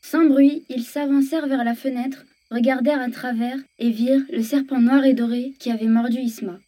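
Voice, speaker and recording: High-voiced female storyteller, mellow, slightly distant. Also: fairly even intonation, moderate pace. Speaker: narrator. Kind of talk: children's storybook narration.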